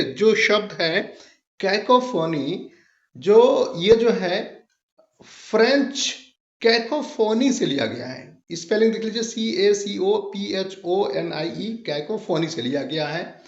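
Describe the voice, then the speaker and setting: A man explaining a literary term in a lesson, slowly spelling words out letter by letter. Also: high-pitched. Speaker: English literature teacher. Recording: echoey room, dull lo-fi sound.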